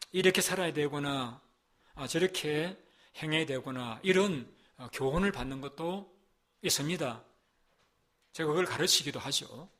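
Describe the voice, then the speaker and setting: A male pastor giving a Sunday sermon, emphatic and repetitive, swinging between loud stressed phrases and soft low passages, with rhetorical questions to the congregation.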